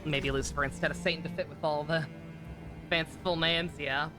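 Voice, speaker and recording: A man streams a video game over game music, giving casual, rambling commentary and often hesitating or trailing off mid-thought. His voice is on the high side, fairly even in intonation and a little fast.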